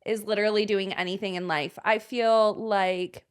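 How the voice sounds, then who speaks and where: A young woman co-hosting a casual podcast, chatty and animated, laughing often as she retells stories. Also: medium pitch, moderate pace, clean tone. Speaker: podcast co-host. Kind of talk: casual chat.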